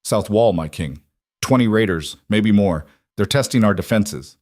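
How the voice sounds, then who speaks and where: A man voicing a grim female wolf warrior who gives brisk reports. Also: lowish voice, animated, darkish tone, dry recording, clean studio sound.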